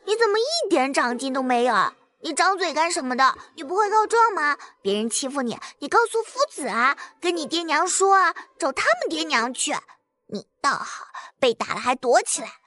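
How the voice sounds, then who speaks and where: A woman's voice: high-pitched, sing-song, fairly quick, sharp tone, full character voice. A bossy fierce little girl. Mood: indignant. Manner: scolding, indignant.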